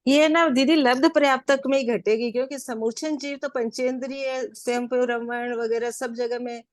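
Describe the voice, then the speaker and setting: A woman's voice: high-pitched, steady tone, normal speed, no room sound, clean studio sound. A woman student answering her teacher's question step by step in an online class. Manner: explains step by step, addresses teacher as elder sister.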